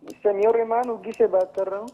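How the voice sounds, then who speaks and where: A man's voice: sits high, fairly even intonation, a little fast. A polite man from Pakistan calling in to a show and asking about a recipe, keeping his answers brief. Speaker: caller. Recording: tinny phone line.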